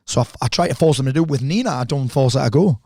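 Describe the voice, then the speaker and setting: An animated middle-aged man telling stories in a relaxed podcast conversation, swearing freely. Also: medium pitch, very fast, no echo, clean studio sound. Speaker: podcast guest. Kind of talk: casual conversation.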